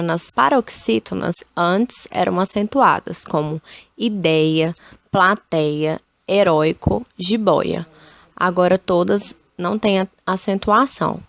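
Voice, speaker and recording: Female teacher, slightly low voice with some fry, dry close mic. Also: no room sound. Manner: slow, steady reading of rules and examples. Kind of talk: explaining spelling rules.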